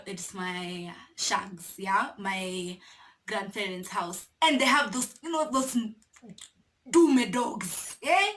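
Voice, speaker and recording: A young Kenyan woman telling a casual storytime to her camera, animated and laughing, dropping Swahili slang into her English. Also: mid-range voice. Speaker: vlogger.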